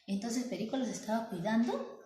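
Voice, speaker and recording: A woman telling a story to children, animated and often asking the listener questions. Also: a little high, brisk. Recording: roomy echo.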